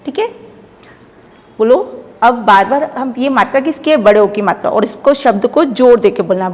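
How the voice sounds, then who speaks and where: A woman's voice: on the high side, in a large hall. A woman teacher with an Indian accent giving a phonics lesson to young children, drawing out syllables for them to repeat. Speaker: primary school teacher.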